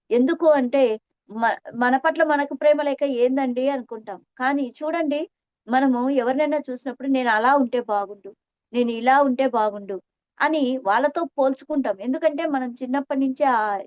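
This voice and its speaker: A woman's voice: sits high, dry recording. A middle-aged woman sharing her meditation experience in an earnest, reflective spiritual talk, repeating phrases for emphasis. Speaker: meditation testimony speaker. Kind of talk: spiritual talk addressing listeners. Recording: dull dry lo-fi recording.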